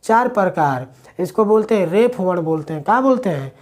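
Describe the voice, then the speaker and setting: A man's voice: high-pitched, lively intonation, brisk, a little mellow. A male teacher, giving a classroom grammar lecture to students. He asks questions and answers them himself, repeating the key words.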